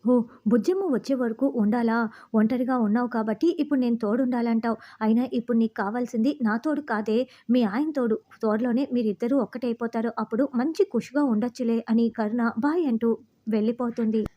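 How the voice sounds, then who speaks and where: A woman narrating a recap of a TV serial episode, reading out the characters' lines in a steady storytelling manner. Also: on the high side, brisk, dull audio.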